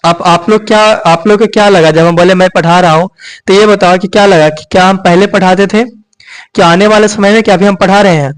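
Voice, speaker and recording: Explaining grammar to his coaching class, this man has a light, high voice with a lilt and fairly even intonation. He poses questions to the students and supplies the answers himself, sprinkling "ठीक है" and "यही ना" throughout to make sure they are following.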